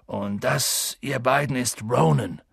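A man voicing a huge, gruff half-giant gamekeeper in an audiobook, with a rough, grim and wary way of talking. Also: medium pitch, slow pace, no echo, clean studio sound, heavily acted. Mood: relieved. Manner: grim, wary, gets loud and impatient. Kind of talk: audiobook character voice.

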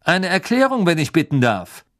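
A man's voice: fairly high pitch, very animated, moderate pace, a bit bright, pitched above the performer's own voice. A man voicing a stern, suspicious middle-aged wizard official who interrogates sharply. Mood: accusing. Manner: accusing, blustering, interrogating.

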